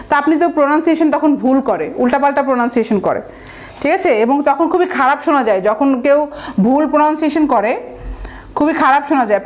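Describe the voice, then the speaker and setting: High-pitched Bangladeshi woman teaching vocabulary. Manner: explanatory, repeats key words, mixes in English terms. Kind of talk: recorded online lecture.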